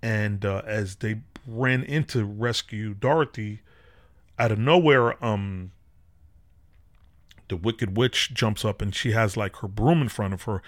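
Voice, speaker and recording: A man's voice: lowish voice, unhurried. Rambling man retelling a story casually. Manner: rambling, loose, with many fillers and restarts. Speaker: podcast host. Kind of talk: casual retelling of a film with spiritual commentary.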